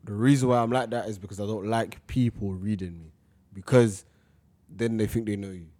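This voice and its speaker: A man's voice: on the low side, fairly even intonation, brisk, mellow, no echo. A young man with a London accent telling personal stories in a casual, slangy chat. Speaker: school staff member.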